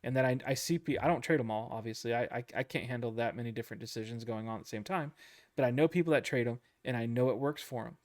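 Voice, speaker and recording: A man's voice: medium pitch, fast talker. A man casually coaching traders through a book chapter, repeating points and checking in with "okay?" and a goofy, self-deprecating streak. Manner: chatty, repeats himself, lots of "okay?" and "right?". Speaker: trading coach.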